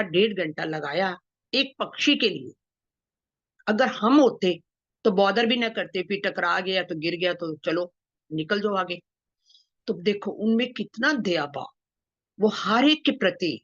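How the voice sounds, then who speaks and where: A woman giving a devotional talk, retelling stories earnestly with gentle emphasis and quoted dialogue. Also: medium pitch, no room sound. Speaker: devotional speaker. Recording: dull dry lo-fi sound.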